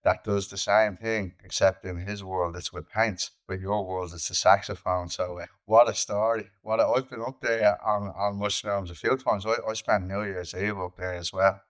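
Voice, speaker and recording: A very deep-voiced Irish man hosts a podcast in a loose, chatty way. He tells his own stories freely, dropping swear words without a second thought. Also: fairly even intonation, normal speed, few pauses. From Ireland. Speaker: podcast host. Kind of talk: casual chat.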